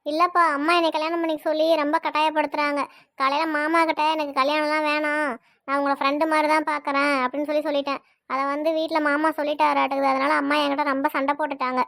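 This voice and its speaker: A woman voicing a tearful, resigned young adult daughter in a cartoon, speaking in Tirunelveli Tamil with sad, pleading, quick talk. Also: high-pitched, level tone, creaky, fairly bright tone, no room sound, clean studio sound. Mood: upset. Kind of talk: cartoon dialogue.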